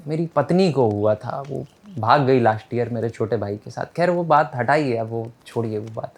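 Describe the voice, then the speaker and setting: A man voicing a smooth-talking male royal envoy who coaxes prisoners in a casual, friendly way. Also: mid-range voice, moderate pace, lightly acted. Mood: coaxing. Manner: coaxing, casual, calls people friend.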